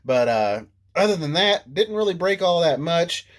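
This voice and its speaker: A man's voice: a little high, big pitch swings, moderate pace. A man from Illinois recapping a remote-control truck event in a casual vlog, nasal from a cold, chatty, laughing often and poking fun at himself. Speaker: RC monster truck vlogger. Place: indoors at home.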